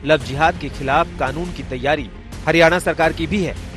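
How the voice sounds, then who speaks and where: A male news reporter reads a scripted voice-over in a slightly high voice. He delivers it briskly and with emphasis. Loud music runs under his narration.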